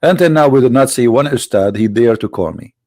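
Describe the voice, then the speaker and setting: A man's voice: mid-range voice, animated, fairly quick, a little mellow. A man with a cold delivering a polemical monologue, mocking and full of rhetorical questions. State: has a cold. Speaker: online religious critic.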